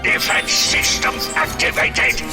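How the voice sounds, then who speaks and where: A rusty robot dog general, snapping out clipped status reports and attack commands in a slow, somewhat high mechanical voice. His voice bounces around an echoey space and sounds set back from the mic, buried under loud game music. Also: monotone, recorded from a distance. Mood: commanding. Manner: barks short status reports and attack calls. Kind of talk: video game voice acting.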